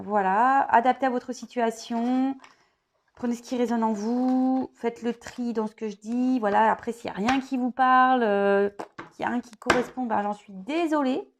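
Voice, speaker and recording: A hoarse woman giving a casual tarot reading to her viewers, chatty and full of fillers and restarts. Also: a little high, a little hiss or hum. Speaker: tarot reader.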